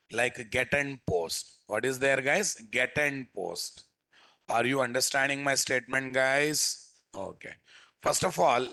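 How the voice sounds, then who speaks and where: A man's voice: mid-range voice, vocal fry, bright, forceful tone, poor audio. A man with a Telugu accent teaching a live programming lesson as an instructor, repeating phrases and often checking with his listeners through questions. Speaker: software instructor.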